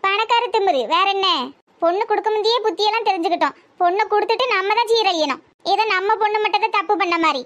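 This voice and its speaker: A woman with a Tirunelveli Tamil accent voicing a proud, sharp-tongued village mother in a cartoon, scolding with scorn. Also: extremely high pitch, quick pace, muffled recording. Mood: indignant.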